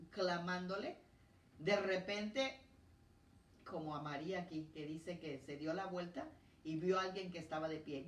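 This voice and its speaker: A woman with a low, deep voice preaches a sermon and tells her own story with earnest feeling. She sounds set back from the mic, in a reverberant church hall, with faint room noise underneath. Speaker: preacher giving testimony. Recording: echoey church hall from a distance.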